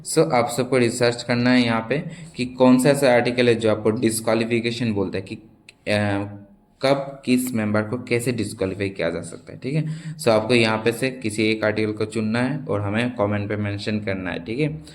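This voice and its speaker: A young man teaching a political science exam-prep lesson, stretching out each quiz question as he reads it and then explaining quickly, often checking that his students follow. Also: lowish voice, fairly even intonation. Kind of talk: exam-prep lesson in mixed Hindi and English.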